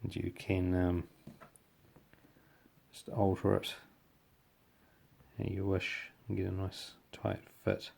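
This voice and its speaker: A man with a New Zealand accent and a gravelly voice, giving a casual hands-on hobby demonstration in halting, unscripted phrases. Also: completely flat delivery, a little mellow. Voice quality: gravelly, low voice. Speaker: hobby tutorial presenter.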